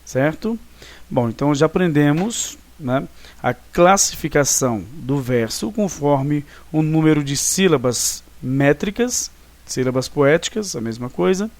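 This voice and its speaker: A teacher from Brazil giving a recorded lesson, explaining patiently and stopping often to check that students follow. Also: male voice, fairly high pitch, expressive, darkish tone, no room sound. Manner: explanatory, checks understanding with frequent tag questions; counts syllables slowly and deliberately.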